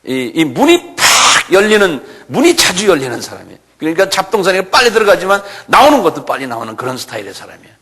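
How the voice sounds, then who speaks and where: A middle-aged male pastor preaching a sermon, acting out quoted lines with shouts and often asking the congregation "예?". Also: high voice, sing-song, fast, hardly any pauses, breathy edge. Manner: acts out quoted voices, shouting and pleading; asks the audience "예?" often.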